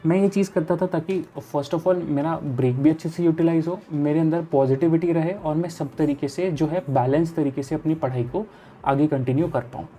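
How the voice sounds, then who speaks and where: A man's voice: fairly high pitch, normal speed, dark tone, slight background noise. A young man from India talking casually in an easygoing, explanatory way, giving study advice straight to the viewer in a vlog. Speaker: chartered accountancy student and study vlogger.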